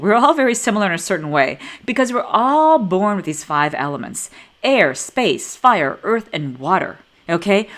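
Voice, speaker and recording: A woman in her forties speaks as a neurologist teaching a class. Her pitch swings widely as she talks, animated and conversational. She tells stories and acts out the dialogue in them. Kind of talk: teaching talk with personal stories.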